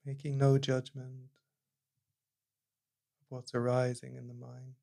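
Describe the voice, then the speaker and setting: A male meditation teacher guides listeners inward with a calm, soft-spoken delivery. His voice stays remarkably level and even in pitch, with a gravelly fry at the bottom of his range. Phrases fade away quietly as each instruction settles. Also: slow pace.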